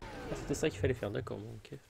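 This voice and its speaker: A man narrates his own gameplay in a sardonic, joking way, his voice gravelly with fry. Game music sits faintly behind him. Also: mid-range voice, fast. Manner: sarcastic, joking asides. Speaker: gamer commentator. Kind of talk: let's play commentary.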